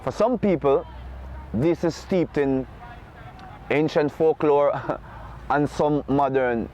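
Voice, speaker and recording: A man giving an unscripted lecture in a deliberate, emphatic way, with grandiloquent wording and rhetorical check-in questions. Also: on the high side, a little mellow. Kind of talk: unscripted spoken lecture on folklore and scripture. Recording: dull lo-fi sound, faint outdoor background noise.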